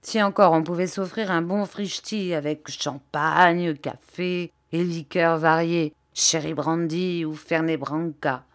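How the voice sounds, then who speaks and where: A woman's voice: low voice, steady tone, slow pace, hardly any pauses. A woman reading an audiobook, voicing a blunt, boastful shepherdess who talks in slang. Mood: flippant.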